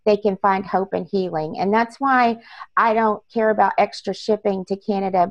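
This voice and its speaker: A woman's voice: medium pitch, darkish tone, no room sound, highs cut off. A woman author being interviewed, talking earnestly in long run-on lists. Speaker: author guest. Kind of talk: casual interview talk.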